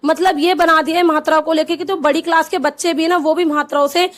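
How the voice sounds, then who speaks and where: A woman teaching a lesson to camera, explaining slowly and repeating sounds, often asking a question and answering it herself. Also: very high voice, fairly even intonation, a bit bright. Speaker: Hindi teacher.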